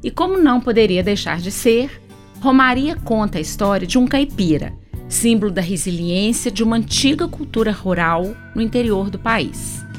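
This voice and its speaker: Brazilian woman narrating over soft music. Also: mid-range voice, lively intonation. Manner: measured, unhurried reading. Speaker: radio presenter. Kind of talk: scripted narration.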